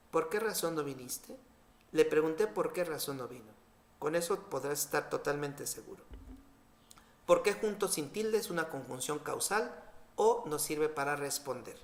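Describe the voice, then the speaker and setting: A man with a Mexican Spanish accent, explaining spelling rules in a clear, deliberate scripted lesson. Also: a little high, echoey room. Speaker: spelling teacher.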